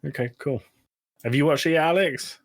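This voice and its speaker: Speaking at a moderate pace in a fairly high voice, this man co-hosts a podcast, riffing on movies in a casual, irreverent way and often poking fun at himself.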